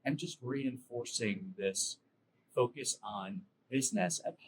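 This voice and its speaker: A man's voice: medium pitch, animated, slow, slight background noise, rough recording. A middle-aged man talking as a guest inside a car, earnest and repeating words as he thinks. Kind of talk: casual chat.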